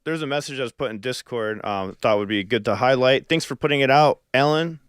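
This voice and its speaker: A man's voice: mid-range voice, a little fast, smooth, no echo, studio quality. A man co-hosting a podcast, reading out a listener's message and chatting. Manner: reads listener messages aloud. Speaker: podcast co-host. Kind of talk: casual chat.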